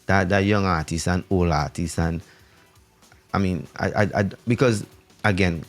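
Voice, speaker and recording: A man's voice: deep voice, measured pace, faint music behind. A man from St Vincent with a Vincentian accent, chatting casually and giving his opinions emphatically, repeating phrases to press his point. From St Vincent, Caribbean. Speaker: talk show guest. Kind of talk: casual, animated opinion talk.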